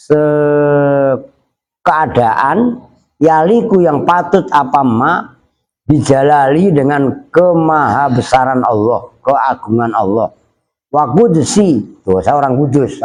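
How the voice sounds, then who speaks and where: A man's voice: fairly high pitch, slow. A middle-aged man from Indonesia, a kyai at a pesantren who translates Arabic phrases line by line. He teases his students and jokes with them between the translations. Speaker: kyai teaching a kitab at a pesantren. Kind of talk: kitab study lesson, translating Arabic line by line.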